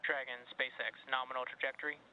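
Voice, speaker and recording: A man's voice: mid-range voice, little pitch movement, fast talker, muffled recording. A man working as a flight controller, giving terse, clipped procedural callouts over a crackly space radio comm loop.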